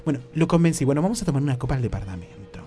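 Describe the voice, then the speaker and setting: Animated Argentine man telling a story. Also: mid-range voice, rapid-fire, soft background music. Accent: Rioplatense Argentine Spanish. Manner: animated, swoops into exaggerated voices, keeps asking "¿viste?". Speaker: radio comedy host. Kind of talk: comic storytelling on radio.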